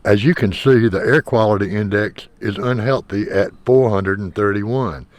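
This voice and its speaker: A man narrating a vlog as its host, explaining things and sometimes pausing or repeating himself to find words. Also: lowish voice, no echo.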